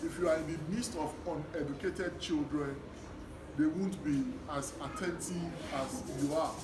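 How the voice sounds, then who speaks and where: A middle-aged man with a Nigerian accent gives a motivational talk to schoolchildren, speaking deliberately in short, emphatic, repeated phrases. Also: on the high side. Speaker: guest speaker, education worker. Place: echoey room at a live children's event. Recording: distant mic, echoey noisy room. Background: noise, small children.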